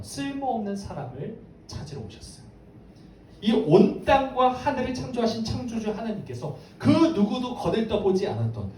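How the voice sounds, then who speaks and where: A man's voice: sits high, darkish tone. A man preaching a sermon to young people, keeps asking his listeners questions as he explains. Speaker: pastor. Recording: echoey room, mic far off, faint background hiss.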